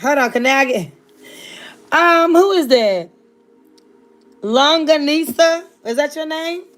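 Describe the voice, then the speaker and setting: She's a livestreamer in her thirties from Virginia, talking straight to her chat with sass and playfulness. Her voice sits high and sounds animated, though she takes it slowly.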